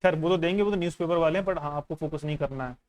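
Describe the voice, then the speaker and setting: A man with a fairly high, smooth and clear voice, teaching exam candidates in a relaxed way. He talks straight to the listener and keeps checking in as he goes. His speech is laid-back but guiding, with English phrases mixed in. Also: very fast. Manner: conversational and instructive, often checking in with the listener. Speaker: exam coach. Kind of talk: casual teaching while going through a newspaper.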